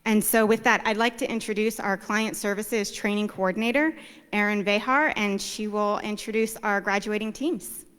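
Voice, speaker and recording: A woman's voice: medium pitch, fairly bright tone, clean tone. Heartfelt woman speaking in a reverberant hall. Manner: heartfelt, halting with fillers and restarts. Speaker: service dog program director. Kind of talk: graduation welcome speech.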